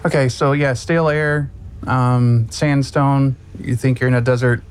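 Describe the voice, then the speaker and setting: A man running a tabletop game as game master, casual and halting in his narration. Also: medium pitch, steady tone, clear, resonant tone.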